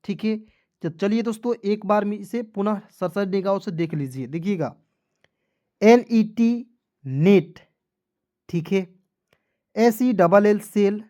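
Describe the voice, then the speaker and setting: A woman's voice: medium pitch, takes it slowly, pauses often, dark tone. A woman teaching English phonics to beginners, spelling words letter by letter, then saying each one and checking that listeners follow.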